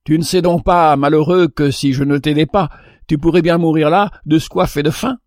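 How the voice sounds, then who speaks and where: A man's voice: a little high, fairly even intonation, normal speed, a little mellow, no room sound, clean studio sound, natural voice. A man reading a storybook, voicing a smug, sleepy male canary who mocks his companion. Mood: mocking. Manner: mocking, condescending.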